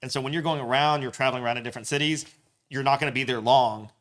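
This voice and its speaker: A man co-hosting a casual podcast chat in a tavern, explaining plot points in a relaxed, playful way. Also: medium pitch, very fast. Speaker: podcast co-host.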